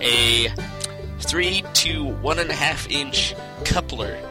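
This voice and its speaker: A man's voice: on the high side, slow pace, over music. A man putting on a Southern accent as a folksy how-to show host, rambling and tripping over part names. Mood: instructional. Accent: put-on American Southern.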